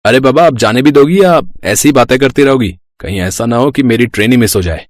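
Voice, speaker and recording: A man's voice: mid-range voice, fairly quick, dry recording, lightly acted. A man voicing an easygoing young husband in a cartoon story, talking casually and coaxingly.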